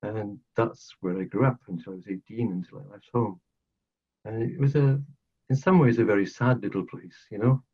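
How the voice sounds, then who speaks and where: Older Welsh man, low husky voice. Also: moderate pace. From South Wales. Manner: earnest, emphatic, repeats phrases for stress. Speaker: podcast guest. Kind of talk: casual storytelling interview. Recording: dull lo-fi audio.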